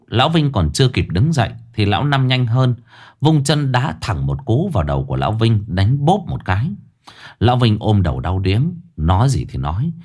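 Brief: male storyteller, lively pitch, dramatic scripted horror narration.

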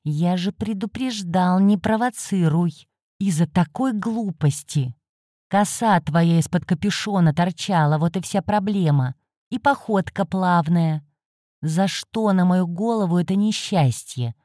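A woman's voice: fairly low pitch, a little slow, warm tone, no room sound, studio quality, natural voice. A woman voicing a grumpy, sarcastic male cat guardian who hisses and scolds. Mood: exasperated. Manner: hissing, scolding.

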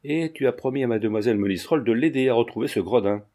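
A man's voice: mid-range voice, fast talker, warm tone, close to an everyday voice. A man doing a glib, talkative young Parisian man. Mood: teasing.

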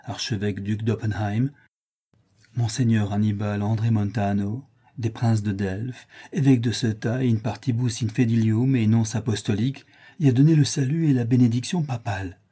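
Dark, husky male audiobook narrator. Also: fairly low pitch, steady tone. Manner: measured, solemn.

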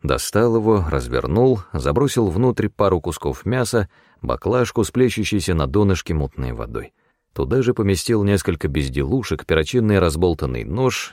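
A man narrating a first-person audiobook in a measured, expressive reading. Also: sits low, no room sound, clean studio sound.

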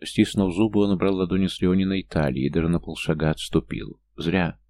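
Male audiobook narrator, deep and gravelly, mellow dark tone. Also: a little fast. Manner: reads every character's lines himself, lifting his pitch for younger or smaller figures. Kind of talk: scripted fantasy narration.

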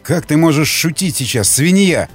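Male narrator voicing a desperate young officer, shrill and tearful. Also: animated, normal speed, husky, faint music behind. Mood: desperate sobbing. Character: panicking young male lieutenant.

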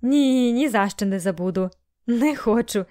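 A woman's voice: a little high, a little slow, mellow, lightly acted. A woman reading the lines of a cheerful young man who teases his best friend playfully. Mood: teasing. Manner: playful teasing.

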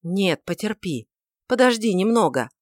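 A woman's voice: medium pitch, sing-song, measured pace, no echo. A woman voicing a troubled, passionate male outlaw who speaks in a brooding, pleading way, on a dry recording. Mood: grieving pleading.

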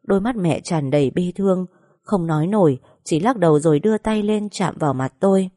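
Low-voiced woman narrating somberly. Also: dark tone, dry recording, studio quality. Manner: somber, measured storytelling. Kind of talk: scripted audiobook narration.

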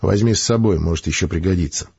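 A man playing a gruff, dryly teasing male space major. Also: deep voice, fast talker, a little mellow, dull audio, exaggerated voice.

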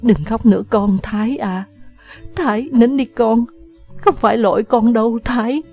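A woman voicing a gentle, worried middle-aged mother who soothes her child softly in an audiobook. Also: fairly high pitch, moderate pace, lo-fi sound, faint music behind. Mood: soothing. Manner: soft, soothing. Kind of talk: audiobook character voice.

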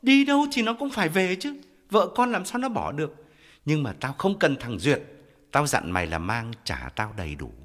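A man's voice: on the high side, wildly swooping pitch, moderate pace, pitched above the performer's own voice, heavily acted. A man voicing a hot-tempered middle-aged man who barks angry demands. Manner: gruff, shouting, demanding.

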